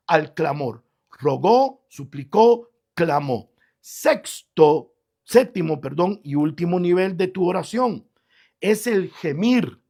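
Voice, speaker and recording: Male pastor, high gravelly voice, emphatic radio sermon. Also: a little mellow. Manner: preaching with rising emphatic bursts.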